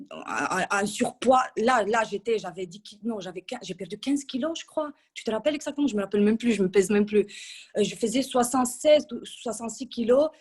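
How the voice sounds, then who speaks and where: Chatty woman in her thirties. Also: mid-range voice. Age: 30s. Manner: chatty, with many restarts and fillers. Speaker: coaching client giving a testimonial. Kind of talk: casual testimonial interview.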